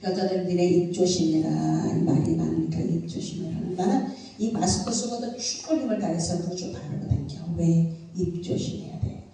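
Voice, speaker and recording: A middle-aged woman pastor preaching a sermon in a church hall, telling stories in an animated way with sudden loud bursts. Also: fairly low pitch, normal speed, gravelly. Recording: echoey hall, distant mic, faint noise.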